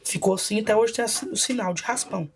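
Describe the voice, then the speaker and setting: A woman's voice: medium pitch, fast talker. A woman with a Brazilian Portuguese accent, a bishop giving a personal testimony in a vivid, dramatic storytelling manner.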